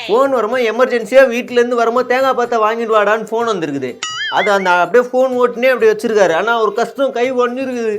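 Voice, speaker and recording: A man's voice: extremely high pitch, fast, music in the background, pitched above the performer's own voice. A man voicing an indignant little boy who whines in his hero's defence. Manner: indignant, whining. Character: shrill young boy defending his hero, sulky.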